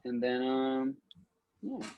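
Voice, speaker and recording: A man's voice: mid-range voice, expressive, slow pace, clean tone. Brief: young adult man, rambling self-deprecating storyteller, mid-range voice, a bit muffled recording. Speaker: guest, old friend. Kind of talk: casual chat between old friends.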